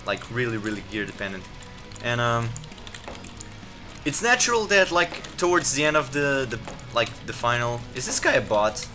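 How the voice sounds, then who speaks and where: A man giving live commentary while playing a game, rambling with many fillers and restarts and reacting excitedly to the action. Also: medium pitch, normal speed, music in the background. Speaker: gameplay commentator.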